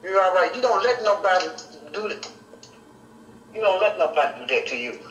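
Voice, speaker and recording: An older woman talking as a grandmother on the phone, stern and scolding, who keeps asking what was said. Her voice comes through a speakerphone, distant and roomy with a clear echo. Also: medium pitch, very animated, brisk, highs cut off, slight background noise. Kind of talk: phone call.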